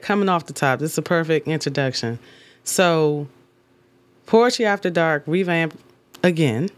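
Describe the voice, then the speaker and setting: Laughing woman hosting a podcast. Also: sits low. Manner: laughing, animated hype. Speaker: podcast host. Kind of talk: casual chat.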